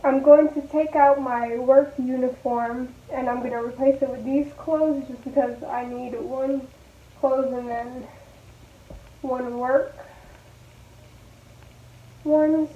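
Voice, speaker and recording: A young woman in her twenties vlogging casually as she packs clothes, talking to viewers and thinking aloud. She records herself on a phone set low in a small bedroom. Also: fairly even intonation, slow pace, long pauses. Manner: chatty, thinking aloud while packing clothes. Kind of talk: casual packing vlog. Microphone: phone camera set low on the floor. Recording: echoey room, tinny phone-like sound.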